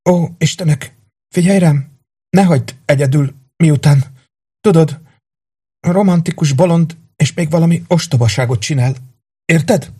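A man doing a dying young warrior woman in an audiobook, pitched well above his own husky voice. she pleads softly with her friend, tender and urgent. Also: pauses often. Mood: pleading.

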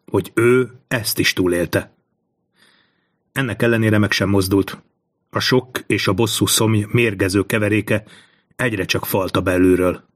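A man narrating a thriller audiobook in a slow, measured reading. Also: fairly low pitch, a bit bright.

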